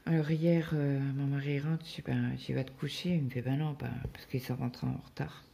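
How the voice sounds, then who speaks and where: A woman's voice: very deep voice, level tone, moderate pace, creaky, warm tone. A woman from France chatting casually on her craft vlog, rambling through everyday stories with lots of fillers while getting over a stomach bug. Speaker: cross-stitch vlogger. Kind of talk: casual chat.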